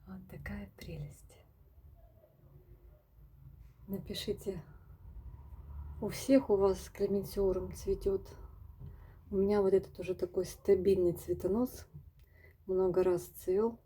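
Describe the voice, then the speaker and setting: A woman showing her houseplants in a casual vlog at home, speaking softly and often dropping to a whisper as she talks to her viewers. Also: mid-range voice, fairly even intonation, unhurried, pauses often, a little hiss or hum. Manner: soft-spoken, often drops to a whisper, addresses viewers as girls. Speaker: plant vlogger. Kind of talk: casual plant-collection vlog. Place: home among houseplants, indoors.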